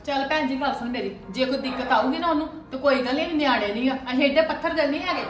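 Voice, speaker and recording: A woman playing a sharp-tongued scolding mother. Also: sits high, reverberant, recorded from a distance, noisy background, lightly acted. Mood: complaining. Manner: scolding, fast and insistent. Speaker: mother in a family drama. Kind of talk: web series family drama acting.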